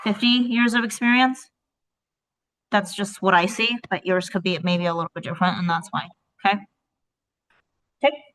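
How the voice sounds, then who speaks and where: A woman's voice: medium pitch, steady tone, moderate pace, pauses often, fairly bright tone, low-quality recording. A woman teacher talking through a math worksheet step by step, thinking aloud and often checking in with "right?". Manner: tentative, thinks aloud while estimating.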